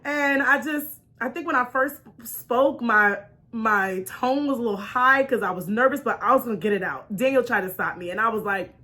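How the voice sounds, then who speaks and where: This talk show host is a woman whose voice is high and bright, sharing personal stories online in a relaxed, chatty style at normal speed. Her storytelling is animated, with expressively acted-out dialogue and frequent check-ins such as "right?"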